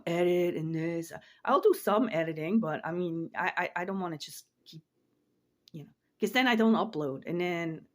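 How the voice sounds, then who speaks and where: Speaking in a low voice, this online reseller and vlogger is a woman in her 40s from Switzerland. She chats casually to camera in her home office, rambling and repeating words as her sentences trail off.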